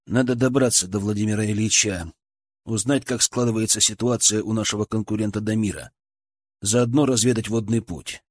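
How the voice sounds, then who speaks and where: A man doing a steady young man. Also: on the low side, a little fast, close to an everyday voice. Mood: warm.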